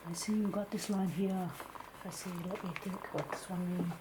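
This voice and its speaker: A woman playing a blunt, teasing palm reader in an ASMR role-play, with a Singaporean or Malaysian English accent, clipped grammar and deadpan, musing delivery. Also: mid-range voice, moderate pace, close to an everyday voice. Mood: pondering, teasing. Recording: clear steady background noise.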